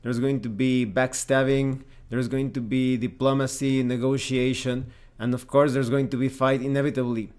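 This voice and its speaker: A man who reviews tabletop games and hosts his own channel speaks in measured, explanatory, semi-scripted commentary with emphatic wording. His middle-pitched voice is clear, resonant and darkish, with a flat delivery.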